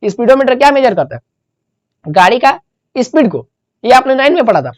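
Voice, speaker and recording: A woman with a slightly raised pitch gives a physics lesson, building each point step by step. She keeps asking the class rhetorical questions and answering them herself. The recording is close and dry. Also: big pitch swings, fairly quick, a little mellow, dry recording. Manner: explains step by step, repeats key terms, asks rhetorical questions. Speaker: physics teacher. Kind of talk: classroom lecture.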